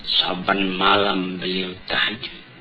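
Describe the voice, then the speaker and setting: A man preaching a sermon on an old cassette tape recording, deliberate and emphatic, asking rhetorical questions. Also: deep voice, completely flat delivery, sharp tone, muffled recording, faint music behind.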